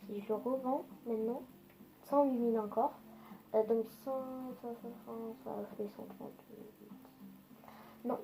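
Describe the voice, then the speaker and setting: A woman's voice: fairly high pitch, low-quality recording. A woman giving casual, chatty gameplay commentary, swearing freely and talking straight to her viewers. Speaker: gaming video creator.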